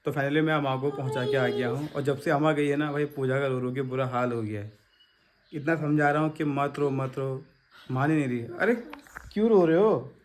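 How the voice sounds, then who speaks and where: A man in a casual family vlog who gently consoles and coaxes, recorded on a phone. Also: mid-range voice, steady tone, brisk. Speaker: vlogger, husband.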